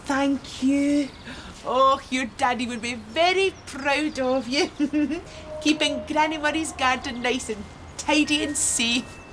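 A fond Scottish granny. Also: female voice, sits high, slow, fairly bright tone, slight background noise. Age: older. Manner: fond and coaxing, calls the child darling. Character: warm-hearted older woman childminder. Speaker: childminder. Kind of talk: children's TV acting.

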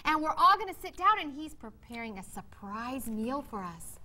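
A woman's voice: high-pitched, sing-song, normal speed, bright, forceful tone, slight background noise. A middle-aged woman co-hosting a children's TV cooking segment, playful and encouraging with the kids. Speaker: co-host. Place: bright TV studio kitchen set.

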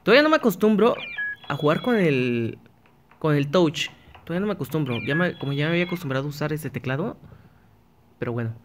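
A man talks his way through a game in a loose, chatty commentary, often restarting his sentences. His voice sits a little high for a man. A faint hiss runs under the recording. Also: animated, fast talker, long pauses. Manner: chatty, talks to himself while playing, frequent restarts. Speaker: gaming YouTuber. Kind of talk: casual gameplay commentary.

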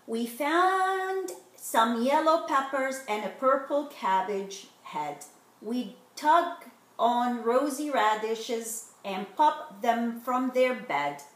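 At home in her living room, a middle-aged woman reads a children's picture book aloud in an animated way, stretching out the rhyming words expressively. Her voice is a little high and animated, she takes it slowly, and the recording sounds roomy.

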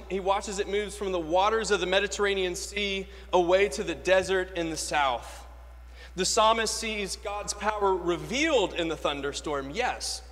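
In a large, echoey church with long reverb, a Floridian Anglican priest speaks from a lectern in a high, fairly bright voice. His sermon is emphatic, full of rhetorical questions and repeated key phrases.

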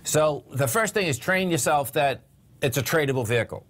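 A man's voice: fairly high pitch, lively intonation, moderate pace, a bit bright. An older man hosting a trading show in a studio, talking casually with folksy, enthusiastic repetition. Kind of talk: casual market talk. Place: TV studio at a desk.

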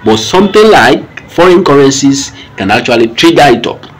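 A man's voice: medium pitch, lively intonation, normal speed, low-quality recording. A man with a Nigerian accent giving news commentary in an explanatory way.

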